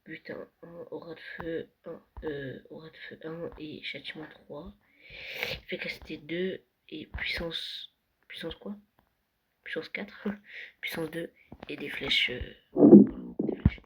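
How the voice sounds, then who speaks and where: A young vlogger touring a Minecraft world late at night, often whispering and speaking softly. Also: mid-range voice, fairly even intonation, slow pace, low-quality recording. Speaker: gaming vlogger. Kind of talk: casual Minecraft world tour. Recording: loud background noise.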